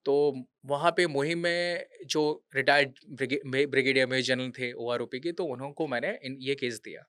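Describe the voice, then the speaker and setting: Telling a true story with sincerity during a conversational podcast interview, a veterans' charity worker in his thirties weaves English words into his speech. He talks at a normal speed in a mid-range, somewhat bright, clean-toned voice, on a dry recording with clean studio sound.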